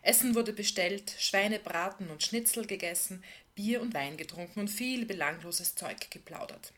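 Woman reading her book aloud, calm and steady, trails off soft at line ends. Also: mid-range voice, moderate pace. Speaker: author reading from a novel. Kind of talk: literary reading.

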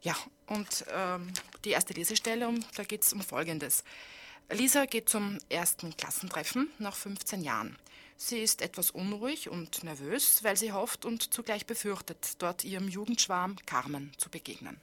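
A woman's voice: medium pitch, animated, normal speed, fairly bright tone. A woman introducing her own novel and an upcoming book launch, speaking loosely with fillers and restarts. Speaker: author presenting her book.

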